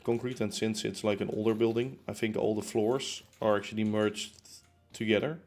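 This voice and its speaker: Faint music plays behind a young man with a fairly low, slightly mellow voice and fairly even intonation, speaking at normal speed. While constructing things in a game, he streams casual chat from a room in his concrete apartment, wandering off-topic with many fillers and restarts.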